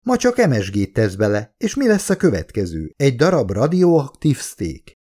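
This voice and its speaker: A man's voice: medium pitch, wildly swooping pitch, mellow, pitched above the performer's own voice. A man reading an audiobook, voicing a fiery, stubborn young vegan woman who lectures indignantly. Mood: agitated.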